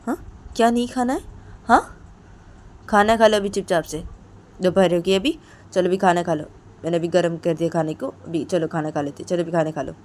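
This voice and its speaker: A woman voicing a hurt, bitter young woman who pleads and taunts with shrill, insistent questions. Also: steady tone, brisk, long pauses, a little mellow, a little hiss or hum, close to an everyday voice.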